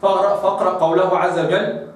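A man teaching the pronunciation of Arabic letters for Quran recitation, explaining step by step and slowly demonstrating the sounds. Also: high-pitched, level tone, far from the mic. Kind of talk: tajweed phonetics lesson. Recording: echoey room, voice somewhat off-mic.

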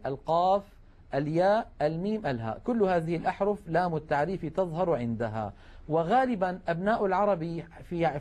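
A man's voice: on the high side, darkish tone. A man teaching Quran recitation rules in a broadcast lesson, explaining patiently with frequent hesitations.

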